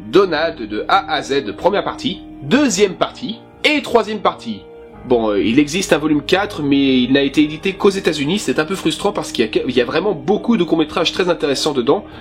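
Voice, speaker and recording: A man chatting casually and with enthusiasm as he shows his film collection, with a few fillers. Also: fairly high pitch. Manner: self-conscious about his English pronunciation. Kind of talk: casual presentation.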